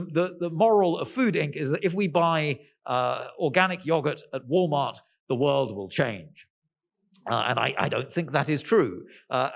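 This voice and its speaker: Wry, halting man with a posh voice. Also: a little high, creaky. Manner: self-described posh-sounding voice; halting, many fillers and restarts. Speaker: author. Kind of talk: conversational interview answer.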